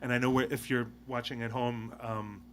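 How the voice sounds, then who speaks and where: A man hosting a live podcast, asking easygoing, halting questions and laughing along. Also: mid-range voice, little pitch movement, a little hiss or hum. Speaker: podcast host. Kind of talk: casual interview chat.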